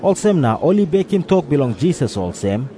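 A man's voice: on the high side, very animated, a little fast, dark tone. A man with a Papua New Guinean accent narrating scripture as a scripted story.

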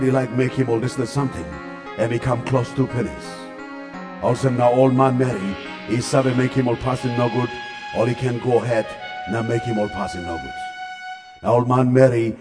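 A man with a Papua New Guinean accent playing a solemn, humble angel messenger in a dramatized scripture reading, speaking in a measured way. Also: mid-range voice, natural voice. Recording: long hall reverb. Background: faint music.

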